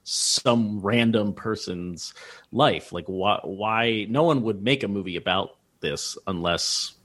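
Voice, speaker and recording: A man with a somewhat low voice chats about a film on a podcast. He is eager and rambling, full of "like" and restarts. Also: slow pace. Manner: enthusiastic, rambling, animated. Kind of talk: casual film discussion.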